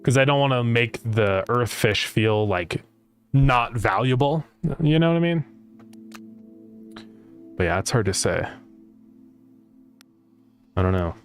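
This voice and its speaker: A man's voice: medium pitch, expressive, slow pace, pauses often. Man with retainer-slurred speech, music behind. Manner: rambling, thinking aloud. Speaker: game developer livestreamer. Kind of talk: casual livestream chat.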